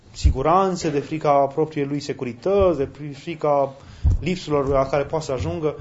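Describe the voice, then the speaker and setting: A man's voice: on the high side, a little mellow. A man preaching a sermon in a conversational, storytelling way, speaking directly to his listeners and bursting into emphatic peaks. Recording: slightly dull lo-fi recording.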